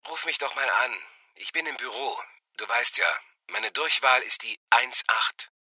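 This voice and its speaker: Bright-voiced casual caller. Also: male voice, mid-range voice, animated, unhurried, a little hiss or hum. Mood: mild reproach. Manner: informal, mildly reproachful. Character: casual male office worker leaving a voicemail. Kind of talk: acted voicemail message.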